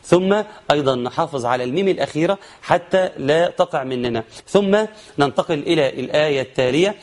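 A man's voice: a little high, a little mellow. Egyptian man teaching chanted Quran recitation. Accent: Egyptian Arabic. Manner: explains quickly, then chants verses slowly. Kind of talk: tajweed lesson with chanted examples.

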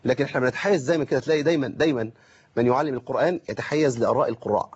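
A man with an Egyptian accent, teaching Quran recitation on a call-in lesson and explaining through rhetorical questions and slowly drawn-out examples. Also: mid-range voice, husky, lo-fi sound.

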